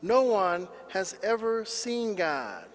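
Guy with a high voice reading scripture slow and solemn, big cathedral echo all around. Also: big pitch swings. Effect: cathedral echo, long church reverb. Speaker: gospel reader at mass. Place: large church. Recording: long reverb in a large church.

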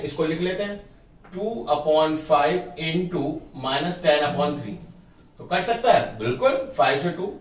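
Male math tutor, talks the class through each step and checks they follow; slightly high voice, distant mic. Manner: talks through each step of the working, asks pupils if it is clear. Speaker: math teacher. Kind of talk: casual classroom explanation. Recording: roomy, from off the mic.

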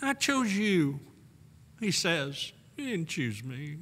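A man in his sixties preaching a sermon from the pulpit of a church, earnest and full of rhetorical questions, often breaking into soft laughs. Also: on the high side, big pitch swings, slow pace. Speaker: pastor. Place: church sanctuary. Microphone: pulpit microphone on a stand. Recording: long church hall reverb.

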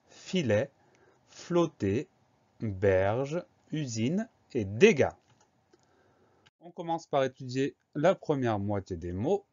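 Slow, deliberate teacher, man. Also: mid-range voice, warm tone. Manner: slow, deliberate spelling out of letters. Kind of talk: spelling lesson. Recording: slightly dull lo-fi sound.

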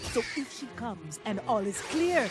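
A woman voicing a wise, mysterious zebra mare who speaks slowly and only in rhyme. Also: fairly high pitch, sing-song. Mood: spooky. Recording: over loud cartoon music.

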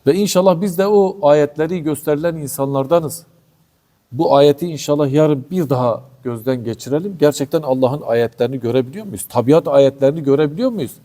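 A man preaching religious commentary in a fiery, indignant way, firing off rhetorical questions at his listeners. His voice sits high for a man, with a dark, mellow tone. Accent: Turkish. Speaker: Quran commentary teacher. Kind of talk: passionate religious commentary talk.

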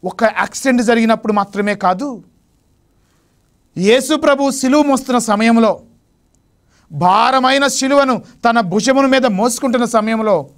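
High-voiced man preaching emphatically. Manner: emphatic preaching, rising sharply on key phrases. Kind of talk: Lenten sermon. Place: television studio.

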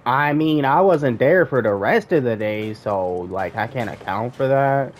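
A man's voice: medium pitch, animated, a little slow, a little hiss or hum. A man chatting casually with a friend while gaming, in slangy, profane talk. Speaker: gamer playing with a friend.

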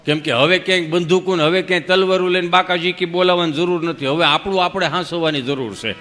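Bright high-voiced stage comedian. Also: male voice, steady tone, quick pace. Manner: rambling anecdotes with moral asides. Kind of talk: live folk comedy storytelling. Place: live stage show. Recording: reverberant live stage sound with faint music.

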